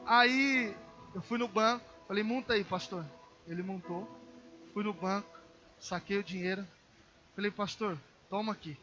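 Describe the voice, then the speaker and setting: Man, pastor, Brazilian Portuguese accent, sermon, very high voice, dull lo-fi recording. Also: normal speed, pauses often, pushed and bright, soft background music. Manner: storytelling with acted dialogue, calls the congregation "queridos". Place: church service.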